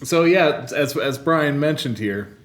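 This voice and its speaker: A man's voice: on the high side, animated, unhurried. A man hosting a podcast in casual chat, easygoing and laughing with his brother. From Canada. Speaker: podcast host.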